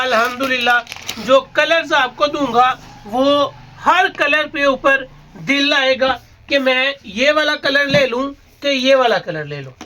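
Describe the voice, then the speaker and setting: A man with a very high-pitched, bright and forceful voice delivers an overeager teleshopping pitch. His accent is Pakistani. He hammers each selling point with repetition and emphatic lists. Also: a little hiss or hum, rough recording. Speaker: online fabric seller and video host. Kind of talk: teleshopping-style sales pitch.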